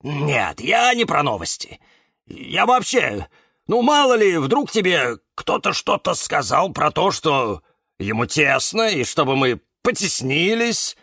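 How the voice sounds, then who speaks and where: A man voicing an anxious, excitable young male cactus in a children's storybook. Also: on the high side, slow pace, gravelly, slightly rough, no room sound, studio quality, pitched above the performer's own voice, exaggerated voice. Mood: puzzled. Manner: excitable, jumpy.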